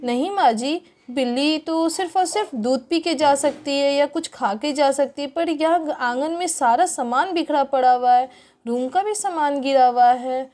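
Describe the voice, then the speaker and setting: A woman's voice: high voice, normal speed, a little mellow, close to an everyday voice. A woman voicing a polite, earnest young daughter-in-law in a doll story.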